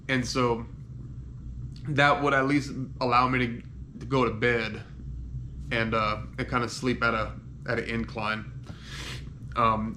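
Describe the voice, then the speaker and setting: Halting, slow-talking man sore after surgery. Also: mid-range voice, bright, forceful tone, a little hiss or hum. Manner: halting, trailing off. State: in pain after surgery, on painkillers; congested from head cold and sinus trouble. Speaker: patient giving a recovery update. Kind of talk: casual personal video diary, unscripted.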